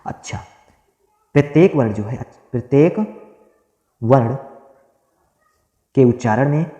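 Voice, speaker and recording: A man with a mellow, dark voice teaches a grammar class, saying each phrase several times as he dictates notes. He keeps asking his own questions and answering them. The sound is roomy, with a long, echoing tail. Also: mid-range voice, slow, muffled recording. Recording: echoey room with long reverb.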